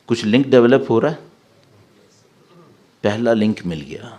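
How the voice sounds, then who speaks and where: A man giving a sermon as a cleric, explaining verses and asking his listeners rhetorical questions. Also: mid-range voice. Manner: lively, rising sharply when reciting Arabic verses; asks the audience rhetorical questions. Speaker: Shia cleric.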